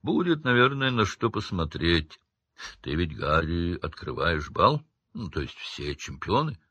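A man's voice brings out a gentle half-giant gamekeeper who speaks gruffly and haltingly. The tone is husky and bright. The storybook recording sounds dull and dry. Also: deep voice, big pitch swings, no echo, heavily acted. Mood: gruff, homely. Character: gentle huge male half-giant gamekeeper, simple-hearted.

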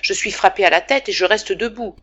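A woman reading the part of a wounded young prince who speaks gently and calmly, in an audiobook of a classic novel. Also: medium pitch, brisk, highs cut off, lightly acted. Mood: gentle. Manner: gentle, composed. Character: calm, soothing, generous young male prince.

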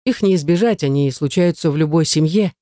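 Stern husband, as a reader plays him, domineering, cold, clipped commands, dry sound. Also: male voice, on the high side, a little fast, dark tone, no room sound, natural voice. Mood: coaxing.

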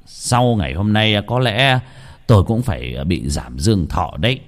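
Weary old male exorcist in a horror tale, low voice, slow halting delivery — a man puts him on. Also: expressive, close to an everyday voice. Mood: solemn. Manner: low, halting speech full of pauses. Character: elderly male ritual master, weary and solemn.

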